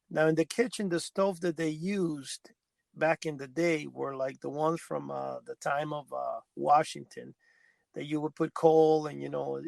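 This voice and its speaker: A man's voice: a little high, gravelly, no echo. A man from Cuba, co-hosting a podcast, telling a long story in a rambling way and often correcting himself. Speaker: podcast co-host. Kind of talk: casual storytelling chat.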